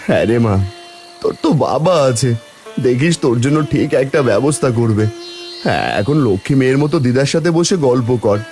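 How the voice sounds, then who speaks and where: A man's voice: mid-range voice, expressive, fairly quick, darkish tone, soft background music, lightly acted. A man voicing a caring, worried village father in a cartoon, speaking in an anxious, fatherly way. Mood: tender.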